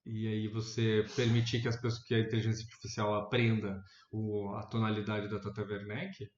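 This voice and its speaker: A man with a Brazilian accent making his points in a casual debate, thinking aloud with restarts and sudden animated rises in pitch. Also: brisk. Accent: Brazilian Portuguese. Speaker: debate panelist. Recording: echoey room, dull lo-fi sound.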